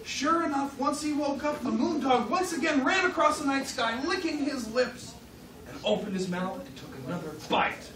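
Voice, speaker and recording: She sits high in pitch, with lively intonation and a moderate pace, as a crowd murmurs behind her. A storyteller running a kids' puppet show, she tells the tale dramatically and offers short lines for the children to repeat, all caught on a distant mic in a noisy, roomy hall.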